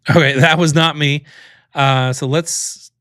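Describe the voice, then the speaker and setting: A man's voice: fairly high pitch, fairly even intonation, measured pace, crowd noise. A man hosting a casual livestream, thinking aloud as he clicks through a tool, with loose fillers and restarts. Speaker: livestream host demoing software.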